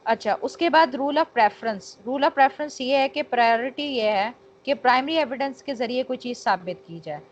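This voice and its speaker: Teaching law over an online call, this Pakistani-accented woman speaks in a high, animated voice at a moderate pace with few pauses. She blends in English terms, keeps checking understanding with tag phrases, and the call audio sounds dull and noisy.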